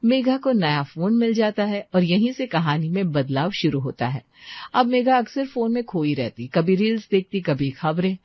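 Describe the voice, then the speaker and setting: Woman narrator for an animated moral story, calm and even. Dry, slightly dull sound. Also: mid-range voice, moderate pace, no room sound.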